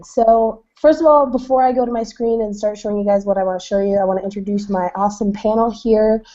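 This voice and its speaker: A woman from Canada hosts a casual online webinar over a video call, talking in an eager, chatty flow. Her voice is mellow and warm. The call audio sounds dull and lo-fi. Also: medium pitch. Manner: enthusiastic, chatty, frequent fillers. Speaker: host.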